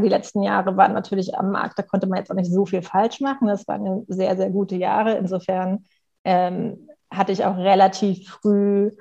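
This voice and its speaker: A woman in her thirties, a company co-founder, appears as a guest in a casual interview, reflecting candidly and thinking out loud. Her voice has a medium pitch and a dark tone, and the sound is lo-fi.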